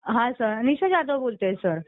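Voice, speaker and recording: A woman's voice: fairly high pitch, big pitch swings, measured pace, no echo. A woman working as a bank recovery agent, arguing combatively on a phone call. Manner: combative, sharp retorts. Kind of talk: heated phone argument. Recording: tinny phone line.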